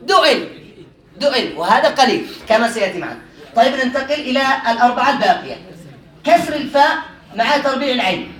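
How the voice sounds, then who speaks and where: Male teacher with a high voice, quizzing students and laughing, recorded from a distance in an echoey classroom. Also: very animated, fast talker, fairly bright tone. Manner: quizzes students and repeats their answers, often laughing. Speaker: religious teacher. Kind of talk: classroom grammar lesson. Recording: roomy sound from a distant mic.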